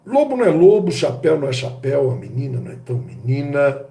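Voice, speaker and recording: A man teaching a lecture with a Brazilian Portuguese accent, firing rhetorical questions at his audience in a lively, theatrical way. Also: mid-range voice, fast talker, creaky, echoey room. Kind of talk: classroom-style lecture.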